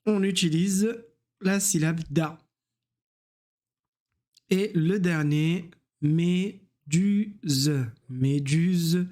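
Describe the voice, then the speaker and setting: Slow, patient reading teacher. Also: male voice, high voice, darkish tone. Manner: sounds out letters and syllables one by one, repeating words. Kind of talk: slow step-by-step reading lesson.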